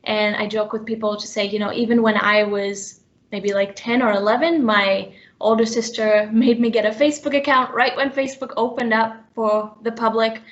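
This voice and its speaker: A woman's voice: on the high side, steady tone, normal speed. Young woman on a choppy call, voice cutting in and out. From Sri Lanka. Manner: friendly, chatty, with frequent ums. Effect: voice cutting in and out over a bad connection. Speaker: presenter at a company brown-bag talk. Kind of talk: casual presentation. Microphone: video call. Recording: dull lo-fi video call audio.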